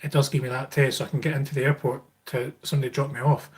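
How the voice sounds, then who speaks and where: A Scottish man hosts a livestream in a medium-pitched, level voice, talking at a racing clip. He rambles casually and informally while reading out viewer comments and answering them in a relaxed live Q&A.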